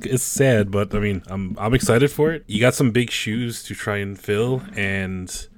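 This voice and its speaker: Hesitant low-voiced Newfoundland man. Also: measured pace. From Newfoundland, Canada. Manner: hesitant, stammering, with many ums. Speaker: new podcast co-host. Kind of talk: casual podcast chat.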